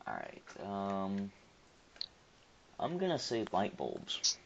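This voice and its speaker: Low gravelly young man, laid-back. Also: huge pitch swings, muffled recording, slight background noise. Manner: laid-back, joking, drawn-out speech. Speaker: podcast co-host. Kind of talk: casual chat.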